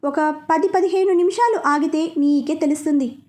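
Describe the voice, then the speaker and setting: A woman voicing a blunt, sharp-witted young gang leader who talks in curt, dry, clipped statements in a storybook reading. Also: extremely high pitch, normal speed.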